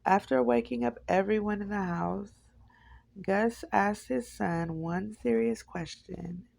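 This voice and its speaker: A woman reads a novel aloud at an unhurried pace. Her voice carries a heavy gravelly rasp. The reading is unpolished, with slips and rereads. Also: medium pitch, a little mellow, low-quality recording. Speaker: audiobook narrator.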